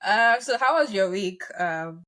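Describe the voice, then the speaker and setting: A woman co-hosting a podcast in casual chat, relaxed and often laughing. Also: medium pitch, unhurried. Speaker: podcast co-host. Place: based in London.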